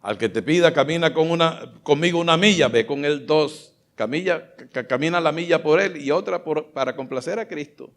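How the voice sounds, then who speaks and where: A man preaching a sermon as pastor, fervent, swinging between loud exclamations and soft asides. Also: fairly high pitch, moderate pace, hardly any pauses.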